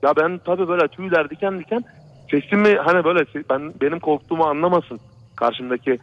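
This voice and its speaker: A man on a call-in radio show rattles through a personal scare story at a quick clip, his voice sitting a touch high for a man. He rambles and repeats himself, looping back to the same phrases again and again. The sound is dull and lo-fi, like an old radio broadcast. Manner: rambling, repetitive, keeps saying "brother" and "he said". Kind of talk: telling a true horror story on a call-in show.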